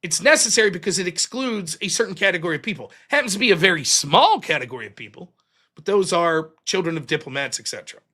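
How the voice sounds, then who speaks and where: Speaking fast, this male host of a solo political commentary livestream breaks down a legal reading point by point. He's animated and emphatic, arguing in a high, bright, forceful voice.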